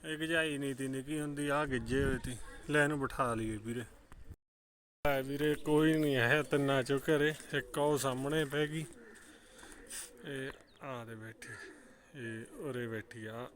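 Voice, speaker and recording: A man's voice: mid-range voice, fairly even intonation, a little slow, fairly bright tone. A man in a casual vlog, coaxing his pigeons with repeated calls and talking to viewers. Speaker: vlogger. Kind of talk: casual vlog narration while handling pigeons.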